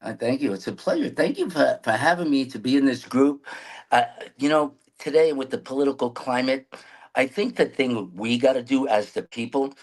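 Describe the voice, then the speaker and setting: A man's voice: mid-range voice, expressive, moderate pace, rough recording. A man, answering interview questions earnestly in a rambling way with restarts. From New York City. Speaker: mayoral candidate guest.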